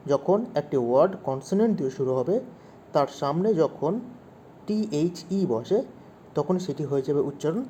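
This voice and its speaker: A man's voice: on the high side, mellow, slight background noise. A man teaching English grammar to young pupils, asking questions and repeating the main points. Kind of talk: explaining grammar to children.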